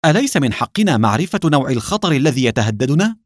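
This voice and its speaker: A man reading an audiobook, voicing a short-tempered male scientist who raises his voice in sharp outbursts. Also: medium pitch, big pitch swings, quick pace, no room sound, studio quality, voice pushed up. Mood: indignant.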